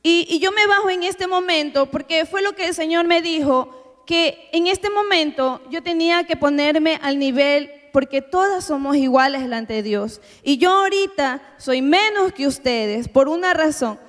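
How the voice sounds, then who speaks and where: A woman's voice: high voice, normal speed. A woman giving an earnest, heartfelt sermon with a personal testimony at a church women's workshop. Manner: earnest, heartfelt preaching to the congregation. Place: church meeting hall. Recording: reverberant church hall.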